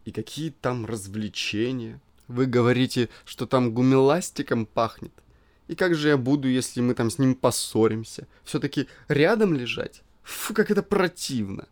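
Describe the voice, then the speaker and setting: A man's voice: moderate pace, natural voice. A man voicing a capricious young wife in an audiobook reading, pouting and exclamatory in a raised voice. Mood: indignant. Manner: pouting, high-pitched and exclamatory.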